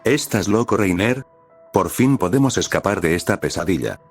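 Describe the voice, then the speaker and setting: A man reading the lines of a brash, skeptical young male soldier in a fan-made story, in a plain, flat way. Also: deep voice, moderate pace, husky, soft background music, exaggerated voice. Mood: annoyed.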